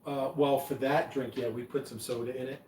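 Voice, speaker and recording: A man hosting a casual live stream, dry and a little hesitant, with gentle teasing. His voice sits at an ordinary pitch. It is caught from across a reverberant room over a faint background hum. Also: steady tone, a little fast. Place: pub room. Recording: roomy and distant, faint noise.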